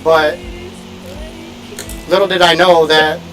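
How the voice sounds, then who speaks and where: A man from Indiana chatting quickly and casually while sim racing on stream, laughing often. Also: a little high, level tone, fairly bright tone, rough recording. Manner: fast-talking, laughs often. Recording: music playing in background.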